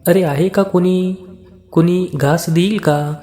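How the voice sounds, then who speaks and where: A man voicing a poor, proud old beggar woman in a devotional story, speaking slowly and indignantly. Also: a little high, steady tone, mellow, lightly acted. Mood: pleading.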